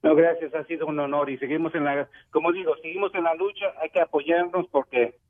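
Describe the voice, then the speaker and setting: A man's voice: fairly high pitch, fairly even intonation, brisk. A man, a lawyer, speaking as a guest on a radio show in an earnest, grateful way over a phone line.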